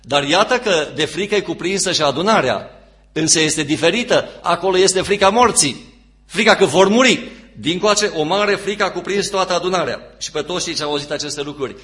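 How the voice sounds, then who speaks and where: A man preaching a sermon as pastor, stressing phrases with repetition and dropping to quiet, low asides. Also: animated. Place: church.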